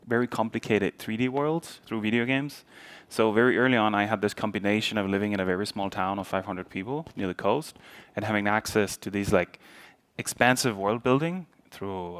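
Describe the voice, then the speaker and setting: Reflective man, low smooth voice. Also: fairly bright tone, no room sound. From Denmark. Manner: reflective, rambling with fillers. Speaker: artist. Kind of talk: panel conversation.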